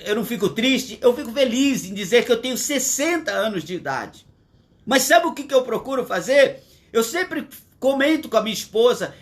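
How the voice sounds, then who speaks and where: A man's voice: very high-pitched, a bit bright. A man in his sixties with a Brazilian Portuguese accent, preaching a livestreamed sermon from his home in an earnest, emphatic way, repeating his points. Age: 60s. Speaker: pastor.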